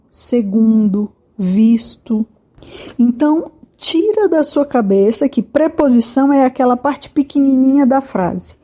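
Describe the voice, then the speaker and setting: A woman teacher with a mellow, rather high voice. She walks through a grammar lesson in an easy, colloquial way, using homely cooking comparisons and talking straight to the student.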